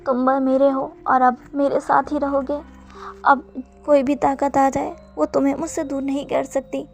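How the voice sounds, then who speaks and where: A woman's voice: high voice, flat delivery, unhurried, gravelly, darkish tone, faint music behind. A woman voicing a devoted, possessive young man who speaks firmly and protectively. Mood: vowing. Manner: firm, protective.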